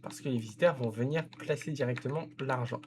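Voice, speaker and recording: A man's voice: medium pitch, a little fast, background noise. Chatty man giving game-building tips. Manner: chatty, gives advice directly to the viewer, self-correcting. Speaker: game content creator reviewing a viewer's zoo. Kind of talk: casual gameplay commentary.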